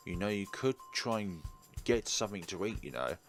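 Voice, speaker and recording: A gaming YouTuber gives let's play commentary, reading visual novel text aloud over video game music. His voice is low and expressive, at a normal speed.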